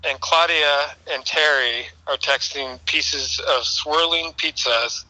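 A man's voice: fairly high pitch, takes it slowly, pushed and bright. A man calling in on a phone set to speaker, chatting casually and rambling through a story with self-corrections. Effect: heard over a phone on speaker. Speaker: phone caller. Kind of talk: casual chat. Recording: tinny phone speakerphone audio.

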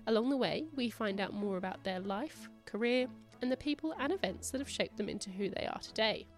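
A woman's voice: medium pitch, brisk, faint music behind. Woman host, nasal from a cold. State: nasal from a cold, losing her voice. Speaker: podcast host. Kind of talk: scripted podcast intro and interview questions.

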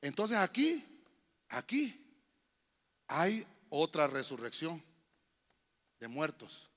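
A Honduran man preaching a sermon as pastor of a church, building to sudden shouted bursts. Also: fairly high pitch, very animated, slow pace. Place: church sanctuary. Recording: long reverb of a church hall.

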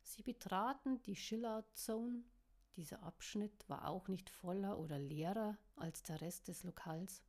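Brief: woman narrating her novel, plain and unhurried, mid pitch. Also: darkish tone. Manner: plain narration with small slips. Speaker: author reading her novel. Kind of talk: reading a novel aloud.

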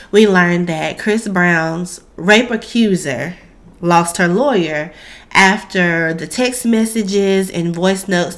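A woman's voice: fairly low pitch, fairly bright tone. An American woman co-hosting a podcast in casual, informal chat with a friend, her voice stuffy from a cold. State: congested with a cold. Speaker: podcast co-host.

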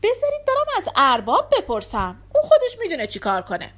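A woman narrator voicing a simple-minded male servant, flustered and talking loudly in a raised voice. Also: huge pitch swings. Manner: flustered, loud and high.

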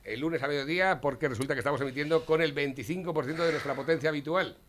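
A man's voice: on the high side, very fast. A man hosting a radio chat show, reading listener messages aloud and cracking jokes at which he laughs himself. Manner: affable, reads listener messages, jokey, laughs at own jokes. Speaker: radio station host.

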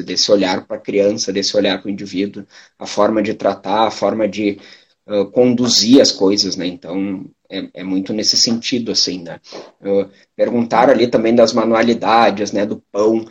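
A man teacher from Brazil answering audience questions in a relaxed, hesitant way, with lots of filler words. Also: lowish voice, breathy edge. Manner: unhurried, hesitant, many fillers. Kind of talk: live educational talk answering questions. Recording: dull lo-fi sound.

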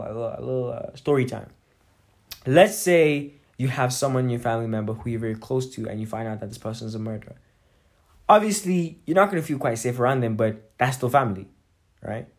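A man's voice: medium pitch, a little mellow. A young man with a London roadman accent talks in a casual, rambling monologue, full of street slang and swearing. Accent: London, urban roadman style.

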